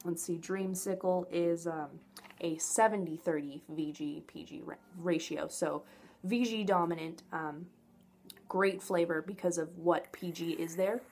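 Low-voiced young woman, noisy home recording. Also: fairly even intonation, unhurried, darkish tone. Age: young adult. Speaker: product reviewer. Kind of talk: casual review to camera. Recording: noticeable background noise, home camera audio.

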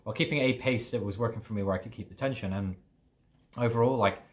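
A man's voice: fairly low pitch, quick pace. A young British man talking casually in a rambling, self-correcting video diary at home. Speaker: fitness vlogger.

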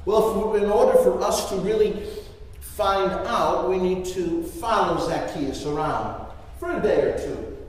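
A man in his fifties, a pastor telling a story sermon in the first person, with dramatic swings in loudness. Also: sits high, unhurried. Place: large church. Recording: echoey church hall from far off.

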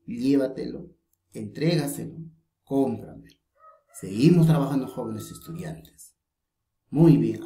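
A woman teacher from Peru talks through a grammar lesson with slow, careful emphasis. Her voice is low and mellow but rises and falls a lot. The recording has a roomy echo. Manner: slow, deliberate explanation with stressed example words.

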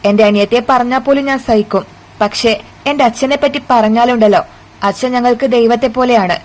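A woman's voice: a little high, fairly even intonation, a little fast, lightly acted. A woman voicing an indignant young wife defending her family.

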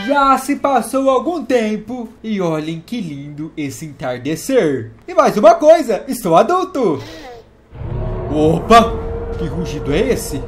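A man hosting a gaming video, narrating in character as his dinosaur with an excitable, theatrical delivery. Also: high voice. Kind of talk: role-played game narration.

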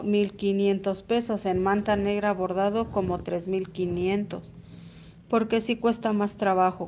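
A woman's voice: medium pitch, darkish tone, a little hiss or hum. A woman with a Mexican accent gives a chatty live-stream embroidery lesson, greeting viewers by name as she stitches. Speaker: embroidery teacher.

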